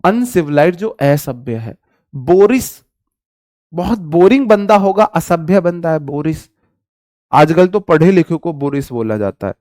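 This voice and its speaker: A man's voice: on the high side, expressive, measured pace, a little mellow, no echo, studio quality. A man teaching vocabulary in a live online lesson, chatty and joking, calling his viewers brother.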